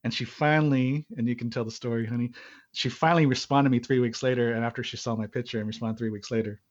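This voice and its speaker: A man's voice: medium pitch, steady tone, fast, muffled recording. A man from Hawaii, a guest on a podcast, telling a story in a rambling way with restarts and chuckles. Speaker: podcast guest, marriage and business consultant. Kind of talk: conversational storytelling.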